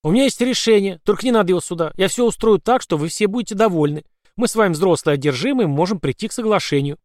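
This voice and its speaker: A man voicing a panicky male demon office clerk who whines and pleads in a shrill voice. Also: lively intonation, fast, a little mellow, dry recording, clean studio sound. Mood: bargaining. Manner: desperate, whining.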